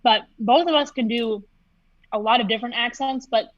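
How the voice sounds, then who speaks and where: A young woman, a voice actress, chatting casually on a livestream and telling animated stories. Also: fairly high pitch, moderate pace, no echo, muffled recording. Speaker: voice actress, co-host.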